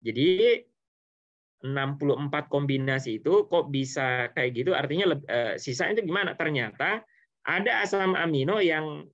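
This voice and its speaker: A man's voice: fairly high pitch, animated, moderate pace, fairly bright tone. A man teaching a biology lesson in a casual, step-by-step way, asking rhetorical questions and answering them himself. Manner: casual, with frequent tag words and self-corrections. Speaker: biology tutor. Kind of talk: online lesson explanation. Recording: slightly dull lo-fi audio.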